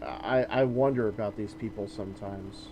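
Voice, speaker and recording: A man's voice: fairly low pitch, normal speed, vocal fry, a little mellow, a little hiss or hum, poor audio. A man streaming a game, chatting casually in a wry, joking way with restarts and trailing sentences. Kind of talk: casual chat while gaming.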